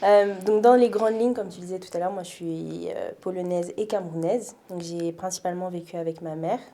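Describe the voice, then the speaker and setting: A woman's voice: on the low side, fairly quick. A woman in her twenties from France, talking through her story as an interview guest, thoughtful and full of fillers. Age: 20s. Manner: thoughtful, with frequent fillers and soft laughs. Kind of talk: casual interview conversation.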